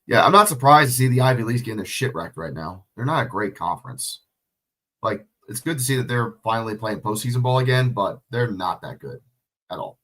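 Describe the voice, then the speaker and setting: A sick man with a fairly low, animated voice that sounds pushed and bright calls a football game solo for a livestream at a fairly quick clip. He keeps it casual, swearing, chatting, and answering questions from viewers, sniffling along the way.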